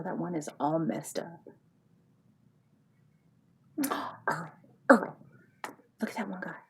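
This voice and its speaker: A woman voicing a nosy gossiping wife who pesters her husband, dropping to hushed whispers and then bursting out loud. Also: on the low side, a little hiss or hum, poor audio.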